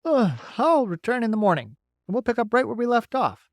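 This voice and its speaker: A man's voice: very high voice, sing-song, a little fast, no room sound, studio quality, voice pushed up, exaggerated voice. A man voicing a friendly, talkative male beaver who eagerly gives folksy advice in an audiobook. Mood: chatty. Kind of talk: audiobook character voice.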